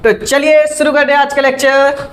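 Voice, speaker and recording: A man teaching a physics class online, repeating phrases and asking quick check questions as he explains, mixing in English terms. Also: extremely high pitch, little pitch movement, a bit bright. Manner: mixes Hindi with English terms.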